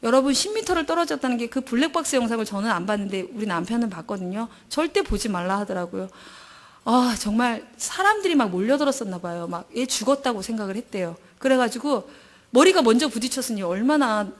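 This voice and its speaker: A woman's voice: fairly high pitch, lively intonation, fast talker. A middle-aged woman, a pastor's wife, gives an emotional church testimony, acting out her own prayers as she tells the story.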